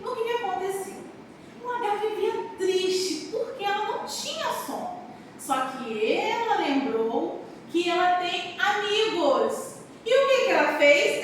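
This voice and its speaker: High-voiced, lively woman teacher. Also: a little hiss or hum. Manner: animated, sing-song, speaking to young children. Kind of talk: children's lesson. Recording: very echoey room, far from the mic.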